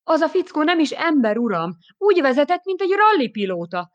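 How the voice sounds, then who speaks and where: A woman's voice: sits high, very animated, no echo, muffled recording, pitched above the performer's own voice. A woman reading an audiobook, voicing a nervous, apologetic male police lieutenant who is flustered and deferential.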